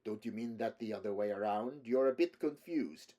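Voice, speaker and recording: A man voicing a jovial middle-aged male android posing as a Russian policeman, with a put-on Slavic accent and a loud, cheerful, boastful manner. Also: on the low side, moderate pace, natural voice. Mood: cheerful boasting.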